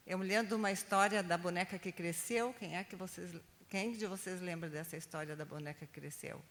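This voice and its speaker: A woman's voice: on the low side, fairly quick, a bit bright, in a large hall. An older woman training Sunday school teachers, telling stories and checking in with her listeners often. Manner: chatty, keeps adding "né?" tags. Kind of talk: teaching a training class with storytelling.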